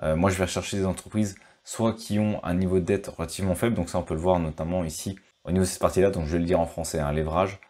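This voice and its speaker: A man's voice: low-pitched, steady tone, rapid-fire, few pauses, warm tone. A man with a French accent explaining stock market risks to his viewers in a casual way, with many fillers and restarts. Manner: thinks aloud with frequent fillers and restarts.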